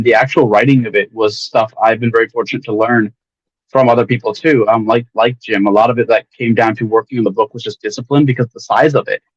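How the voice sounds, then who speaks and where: A man with a medium-pitched voice talks casually as a guest author on a livestream. He rambles candidly and plays himself down. The audio is dry and a little dull. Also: slightly rough, no room sound.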